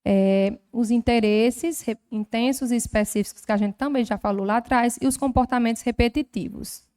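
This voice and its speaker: A woman's voice: on the high side, normal speed, mellow, clean tone. A woman with a Northeastern Brazilian accent, a health professional giving an explanatory talk at a formal session, teaching patiently with many examples. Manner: didactic, explains with examples and diminutives. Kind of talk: lecture at a formal council session. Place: legislative chamber.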